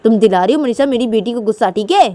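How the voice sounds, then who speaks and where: A high-pitched young woman, angry and complaining, who keeps repeating her questions, as a woman narrator voices her. Her tone stays mellow even when she turns loud. It comes from a homemade storybook recording. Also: fast, lightly acted.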